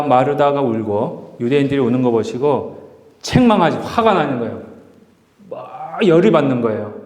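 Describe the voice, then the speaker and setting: Male pastor, mid-pitched, passionate teaching delivery; recorded in a reverberant hall. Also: darkish tone. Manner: impassioned, acts out quoted speech with rising emphasis. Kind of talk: Bible study sermon. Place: church hall. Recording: echoey hall with long reverb.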